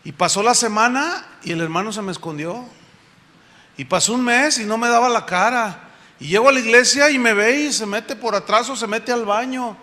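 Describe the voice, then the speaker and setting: A pastor preaching a sermon, telling stories and acting out what people said. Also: male voice, extremely high pitch, normal speed, bright, forceful tone. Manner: storytelling, acts out quotes. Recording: echoey hall.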